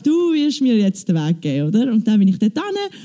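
A woman telling a church testimony on stage, animated, quoting dialogue in a chatty way. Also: mid-range voice, fairly quick, soft background music. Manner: animated storytelling, quoting with "ich so, sie so". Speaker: church member giving testimony.

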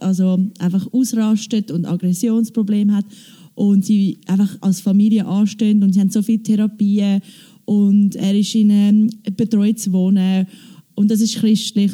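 A woman telling a church testimony on stage, animated, quoting dialogue in a chatty way. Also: medium pitch. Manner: animated storytelling, quoting with "ich so, sie so". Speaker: church member giving testimony.

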